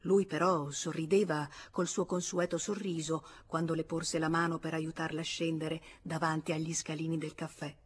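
A woman reading a classic novel aloud in measured scripted narration. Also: deep voice, flat delivery, slight background noise. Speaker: audiobook reader.

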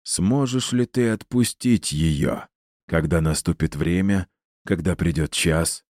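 A man's voice: low voice, slow pace, no room sound, studio quality. A man voicing a gleeful, cruel male villain who taunts his captive in a theatrical, mocking way. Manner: mocking, theatrical, rising to shouts.

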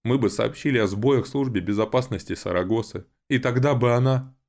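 A man's voice: medium pitch, a little fast, a little mellow, voice pushed up, close to an everyday voice. A man voicing an anxious, wistful young woman who pleads hesitantly, in an audiobook. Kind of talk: audiobook voice acting.

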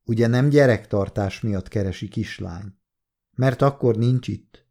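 A man's voice: lowish voice, mellow. A man reading an audiobook, voicing a tall, gray-haired drunk in a pub who teases crudely. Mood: mocking.

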